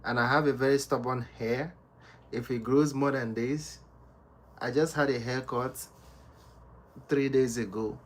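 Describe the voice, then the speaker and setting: A man hosting a casual livestream, reading viewer comments aloud and teasing them with frequent laughter. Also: mid-range voice. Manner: slow, relaxed talk with many fillers. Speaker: livestream host reading chat. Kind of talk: casual live chat.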